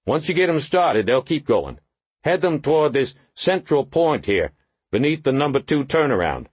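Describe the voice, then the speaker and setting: A man's voice: fairly high pitch, sing-song, normal speed, breathy edge, no echo, voice pushed up. A man reading an audiobook, voicing a blunt, overweight male police lieutenant who gives coarse, bossy orders.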